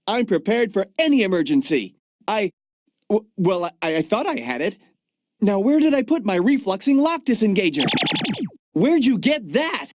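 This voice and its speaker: A jokey young gadget agent. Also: male voice, sits high, big pitch swings, moderate pace, darkish tone, dry recording. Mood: eager. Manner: chatty, jokey, enthusiastic. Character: upbeat young male agent, gadget-loving joker. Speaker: game character, field agent. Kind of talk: video game voice acting. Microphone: dry studio mic.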